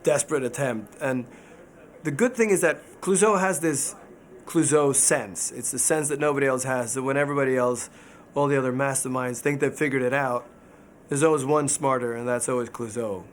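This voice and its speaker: A mid-pitched man talks fondly and explains a character at a junket. Faint background noise is present. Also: moderate pace. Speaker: actor interviewed about a film. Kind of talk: press junket interview.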